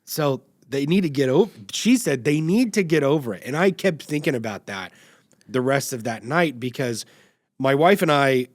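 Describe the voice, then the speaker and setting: Relaxed storytelling male podcast host. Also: medium pitch, moderate pace, no room sound, studio quality. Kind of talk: casual conversational interview.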